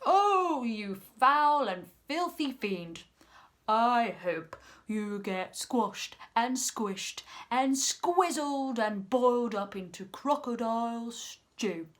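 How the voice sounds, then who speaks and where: A woman voicing a big, indignant elephant in a children's story, scolding with loud, drawn-out emphasis. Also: medium pitch. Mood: disgusted fury.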